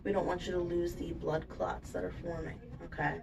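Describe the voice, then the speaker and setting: Low, creaky-voiced woman explaining aftercare, off-mic. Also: little pitch movement, brisk. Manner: explanatory, checks in with "okay?". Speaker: dental surgery staff giving aftercare instructions. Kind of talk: informal spoken patient instructions. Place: indoors at a clinic. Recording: distant microphone, faint room noise.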